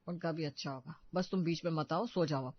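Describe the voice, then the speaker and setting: A woman's voice: low voice, fairly quick, no room sound, voice pushed down. A woman voicing a stern, old-fashioned father in a cartoon who dismisses his wife. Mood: dismissive. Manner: dismissive, lecturing. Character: stern traditional father, middle-aged man. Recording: dull dry recording.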